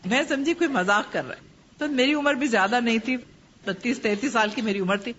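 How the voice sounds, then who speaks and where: A woman religious teacher giving a lecture and answering questions, advising gently through personal stories. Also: on the high side. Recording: muffled lo-fi with faint hiss.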